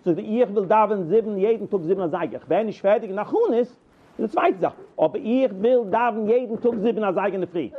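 High-voiced man on tinny line. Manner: halting, repeats and restarts words, animated. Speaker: storyteller. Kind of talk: rambling personal anecdotes.

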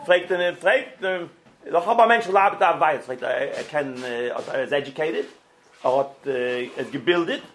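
A man telling a religious parable in halting, informal speech, often repeating and restarting phrases and switching in English words. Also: a little high, a bit bright, a little hiss or hum. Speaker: storyteller.

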